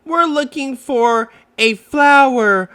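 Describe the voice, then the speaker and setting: A man voicing a small, excitable young kangaroo in a children's storybook, eager and excited. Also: very high voice, takes it slowly, clear, resonant tone, voice pushed up, heavily acted.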